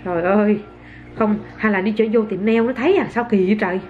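A woman's voice: medium pitch, fast, phone-quality sound, faint music behind. A woman, a mother filming her toddler in a casual home vlog, chatty and exclaiming as she coaxes the child.

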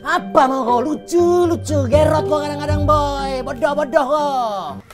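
A man's voice: extremely high pitch, measured pace, loud music behind the voice. A man acting in a comedic skit, bantering in brash slang.

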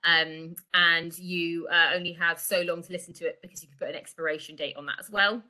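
This middle-aged woman's voice is lowish, bright and forceful, with fairly even intonation and a slightly quick pace. She explains a product conversationally in a casual presentation, heard through a video call microphone.

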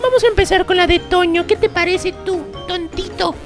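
A performer voicing a hyper little boy youtuber who teases and yells during Minecraft gameplay banter. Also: very high voice, normal speed, soft background music. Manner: shrieky, teasing, yells often.

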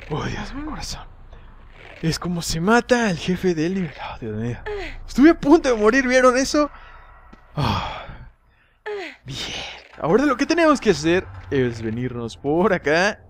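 Excitable man narrating his gameplay. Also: high voice, unhurried, a little hiss or hum. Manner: excitable, shouts at enemies, jokes about own mistakes. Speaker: gameplay guide host. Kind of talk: video game walkthrough commentary.

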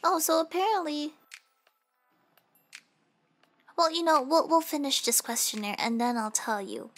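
A woman's voice: high voice, fairly quick, natural voice. A woman playing a teasing young nurse in a casual, joking, rambling comedic role-play. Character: teasing, flippant young female nurse questioning a patient.

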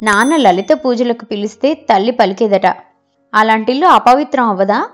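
A woman's voice: on the high side, normal speed, soft background music, close to an everyday voice. A woman voicing an angry, traditional older sister who scolds with heated, scornful questions in a storybook reading. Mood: indignant. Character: angry orthodox older sister, sharp-tongued.

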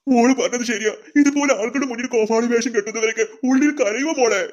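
A performer voicing a poor, gentle old man who works in a Santa costume and speaks softly and tenderly. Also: mid-range voice, fast, dull audio, lightly acted. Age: older.

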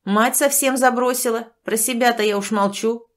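A woman voicing a grumpy adult brother who talks to his sister in a gruff, accusing, blunt way. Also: a little high, steady tone, moderate pace, pitched above the performer's own voice, close to an everyday voice. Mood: reproachful.

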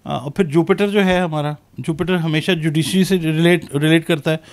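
A man with a noticeably high voice and a Pakistani accent talks in a measured, explanatory way. He answers interview questions about his forecasts and slips English terms into his speech. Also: fairly even intonation. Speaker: astrologer and business professor.

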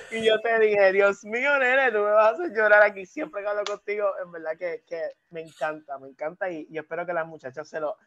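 Woman co-host, earnest, emotional, halting restarts, slightly muffled lo-fi sound. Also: mid-range voice. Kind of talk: casual heartfelt chat.

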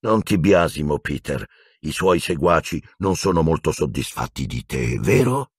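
A man's voice: a bass voice, lively intonation, husky, no echo, studio quality, full character voice. A man doing a growling, venomous escaped wizard. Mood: cold menace. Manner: cold, accusing, slow menace. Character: bitter escaped prisoner wizard, menacing and venomous.

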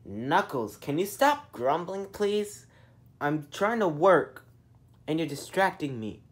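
A mild young fox mechanic, played by a woman in a homemade plush toy show. He speaks softly, sounding sheepish and a little exasperated. His delivery is slow and unhurried, yet his pitch still swings widely. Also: big pitch swings, husky, exaggerated voice. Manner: soft-spoken, sheepish and mildly exasperated.

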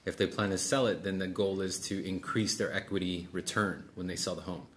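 With a low, steady voice that runs a little fast, a middle-aged man coaches one person casually, role-playing sales talk and checking in regularly. The setting is a small indoor office meeting room, and the recording has clearly noisy room sound.

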